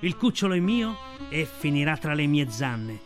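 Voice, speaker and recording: A man's voice: fairly high pitch, very animated, normal speed, soft background music. A man voicing a menacing, arrogant male tiger in an audiobook, boastful and snarling. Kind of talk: audiobook reading.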